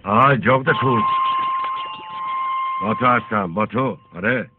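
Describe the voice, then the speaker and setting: An actor dubbing a bossy middle-aged guest who barks orders at servants. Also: male voice, lowish voice, very noisy, close to an everyday voice. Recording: tinny phone-like film dub with faint music.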